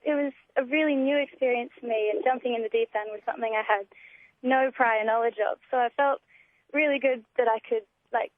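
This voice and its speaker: Heard over a tinny, narrow telephone line, a young Australian woman who is a student writer gushes enthusiastically as a guest on a casual radio interview. Her voice is fairly high, with no room sound.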